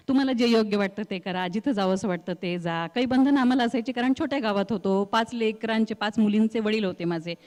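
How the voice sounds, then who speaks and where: A middle-aged woman with a rural Marathwada Marathi accent, telling her story as an interview guest in an expressive way that acts out the voices she quotes. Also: on the high side, big-room sound. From Marathwada, India. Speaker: guest, news reader and anchor.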